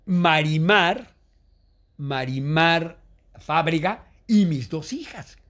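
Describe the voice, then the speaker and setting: An older man with a Mexican Spanish accent, telling family stories as an interview guest, animated, acting out what others said. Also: fairly high pitch, slow pace. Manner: animated, acts out quoted voices. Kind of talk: storytelling in a casual interview.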